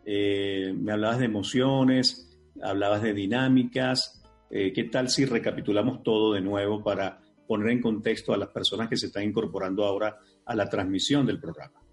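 A Venezuelan man hosting an interview and asking measured, courteous questions. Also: lowish voice, steady tone, soft background music. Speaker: host.

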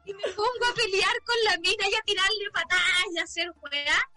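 A Chilean woman, a podcast guest, telling a story in animated, swearing casual chat and acting out the voices. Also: very high voice, a little fast, soft background music.

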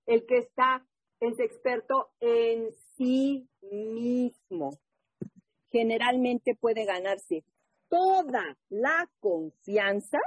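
Animated woman sharing her testimony. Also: a little high, no room sound. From Mexico. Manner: animated, often asks the listeners questions. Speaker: speaker at a recovery group meeting. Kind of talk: personal testimony and reading aloud to a group. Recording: muffled phone-like audio.

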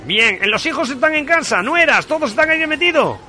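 A radio host making a live prank call, posing as an official and insistently repeating himself. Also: male voice, very high voice, very animated, a little fast, bright, forceful tone, faint music behind.

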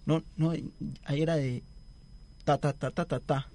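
A man's voice: a little high, steady tone, a little slow, dark tone. A young man telling a long, rambling story in casual chat and acting out the quotes. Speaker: guest storyteller.

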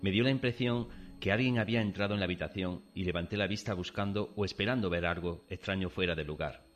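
Deep low spanish guy telling a spooky story slow and solemn, soft music underneath. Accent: Spanish from Spain. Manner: measured, solemn. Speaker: narrator and protagonist. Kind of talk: scripted first-person storytelling. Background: faint background music.

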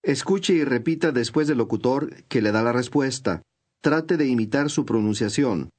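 Brief: male course narrator, patient scripted teacher delivery, mid pitch. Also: expressive, moderate pace, darkish tone. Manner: clear, patient teacher's instructions.

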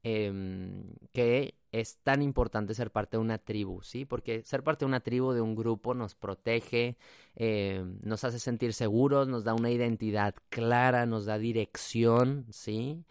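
A man with a Mexican Spanish accent hosts a podcast, speaking in a casual, reflective monologue sprinkled with English phrases and tag questions. His mid-range voice is darkish and clean, and he moves at a measured pace. The studio-quality recording has no room sound.

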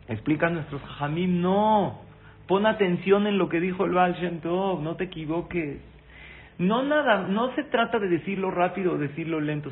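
Man preaching over a tinny line. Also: sits high. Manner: asks listeners questions, speaks to them directly; weaves Hebrew terms into Spanish. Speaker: religious teacher. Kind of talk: sermon-style Torah lesson. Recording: tinny phone-like audio with faint noise.

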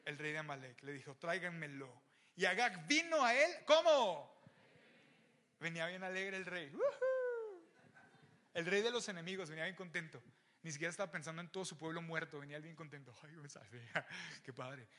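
A young man with a Mexican accent preaching an animated, joking sermon to young people, often raising his voice. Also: a little high, fast. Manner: animated, joking, shouts to the crowd. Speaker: youth preacher. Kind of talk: lively sermon.

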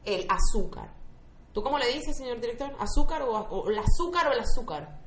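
Woman, Venezuelan accent, lively storyteller, bright tense voice, roomy studio. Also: fairly high pitch, a little fast, slight background noise. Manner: animated storyteller, mimics voices. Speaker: podcast co-host. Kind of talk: casual chat.

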